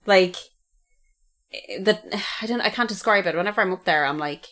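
A woman's voice: mid-range voice, normal speed, fairly bright tone. A young woman with an Irish accent chatting casually, opinionated and emphatic, repeating her points. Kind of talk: casual chat.

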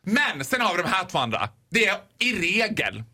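Male guest DJ on a radio show, high and very lively voice, mimics people mid-story. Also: husky. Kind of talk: animated comic storytelling.

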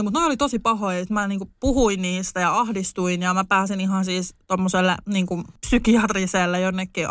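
A young woman casually telling a podcast story, animated, with sudden high outbursts. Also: dry recording. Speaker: podcast host.

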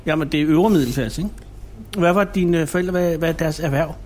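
A man's voice: on the high side, darkish tone, slight background noise. Teasing, probing male co-host. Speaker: podcast co-host. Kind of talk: comic interview banter. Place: noisy café.

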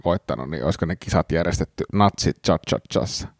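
A man on a casual podcast, cutting in with quick jokes. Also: sits low, no echo, clean studio sound. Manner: jokey, quick interjections. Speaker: podcast co-host. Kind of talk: casual chat.

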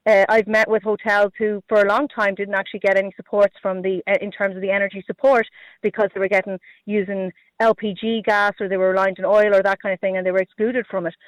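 A man with a noticeably high voice and a west of Ireland accent speaks in a dry, close radio setting. He answers like a politician, hesitating, restarting and leaning on filler phrases as he makes his case. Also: little pitch movement, fast talker, no echo, highs cut off. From Galway, Ireland. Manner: hesitant, repetitive, heavy use of "you know" and "like". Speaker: politician, party representative.

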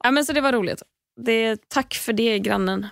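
A young woman with a fairly high voice tells a story, animated and loose, swearing freely as she goes. She acts out what others said along the way. The sound is dry and close, with no room around her. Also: gravelly, dry recording. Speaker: podcast host. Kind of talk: casual storytelling chat.

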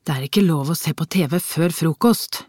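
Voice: medium pitch, darkish tone, dry recording, studio quality, close to an everyday voice. A reader voicing a grieving, short-tempered father in an audiobook, with curt, clipped replies. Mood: stern. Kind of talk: audiobook character reading.

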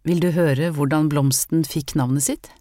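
Soft kind young maid in an audiobook, read by a woman, warm mellow voice. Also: sits low, steady tone, no echo, clean studio sound, close to an everyday voice. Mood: gentle. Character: young maid, gentle and caring.

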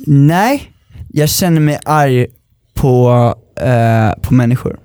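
A man hosting a podcast, telling stories in an animated casual chat and swearing freely. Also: medium pitch, smooth, no echo, studio quality. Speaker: podcast host.

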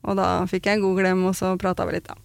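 Woman chatting candidly, blunt, swears a bit, mid pitch, dry close sound. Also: monotone, vocal fry, a little mellow, clear, resonant tone, dry recording. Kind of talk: casual chat.

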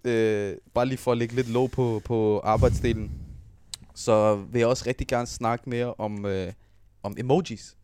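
A young man co-hosting a podcast, chatting casually in slangy street Danish and telling animated work stories. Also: medium pitch, slight background noise. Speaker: podcast co-host. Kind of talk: casual chat.

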